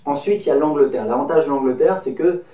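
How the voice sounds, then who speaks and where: A man's voice: fairly high pitch, fast, mellow. A man from France in his thirties, hosting a casual advice talk to camera, chatty and friendly, drawing on his own travels. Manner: chatty, friendly, speaks from personal experience. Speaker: host giving travel advice. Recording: echoey room, mic set at a distance.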